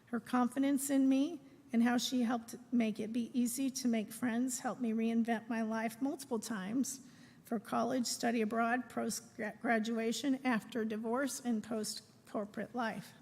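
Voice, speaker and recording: A middle-aged woman reads a prepared eulogy aloud in a measured, phrase-by-phrase way, speaking in a large room. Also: on the high side, level tone, a little mellow. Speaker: daughter giving a eulogy. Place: large room at a memorial service. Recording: echoey hall with long reverb.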